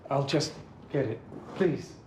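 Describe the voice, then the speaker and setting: A man playing a reclusive, awkward neighbour in a film drama, speaking in short, halting sentences. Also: medium pitch, creaky, echoey room, noisy background. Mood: awkward, quiet. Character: reclusive male neighbour, light-sensitive, awkward host.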